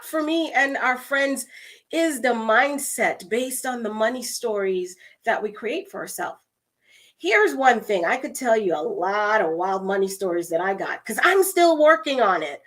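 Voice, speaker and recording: A woman from Guyana with a Guyanese accent, giving an expressive, conversational motivational talk and calling her listeners her friends. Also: fairly high pitch. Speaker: motivational speaker.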